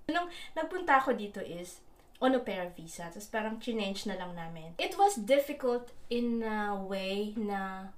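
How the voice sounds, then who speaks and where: A woman's voice: mid-range voice, lively intonation, normal speed. A middle-aged Filipino woman telling personal stories casually, switching between Tagalog and English mid-sentence. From Philippines.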